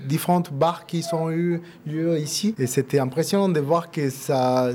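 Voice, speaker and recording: With slight background noise behind him, an Argentine man speaks a little slowly in a fairly high, steady, somewhat mellow voice. A native Spanish speaker with an Argentine accent, he's a musician and café co-founder who often repeats words while answering informally in a casual interview.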